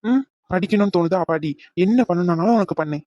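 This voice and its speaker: A man's voice: sits high, fairly quick, warm tone, muffled recording, close to an everyday voice. A man voicing a protective middle-aged father who reassures his daughter. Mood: tender. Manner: reassuring, then firm. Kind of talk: cartoon voice acting.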